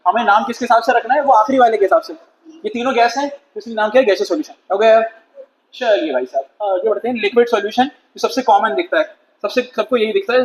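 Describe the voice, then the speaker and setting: A man with a high voice lectures a chemistry class, chatty and quick to question or scold students. The recording is dull and lo-fi, with a faint hiss behind him. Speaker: chemistry teacher. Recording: dull lo-fi sound with faint noise.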